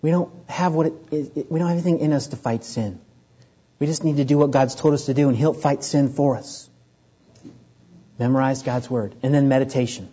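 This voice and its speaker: A man preaching a sermon to a congregation, earnest and building up in pitch and volume to stress his points. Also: a little fast, mellow, husky, muffled recording. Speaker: pastor.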